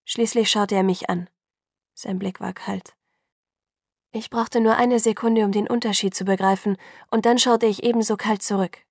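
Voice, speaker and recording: A woman reads a first-person novel aloud with an even, steady delivery. Her voice has a gravelly edge and sits at a middle pitch. The recording is close and dry. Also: normal speed, no echo. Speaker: audiobook narrator. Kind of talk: scripted first-person narration.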